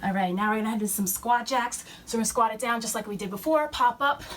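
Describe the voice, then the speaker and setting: A young woman fitness instructor cueing warm-up moves while she exercises, a little out of breath. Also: on the high side, fast. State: slightly out of breath. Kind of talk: workout instruction. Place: fitness center. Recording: distant mic with faint room noise.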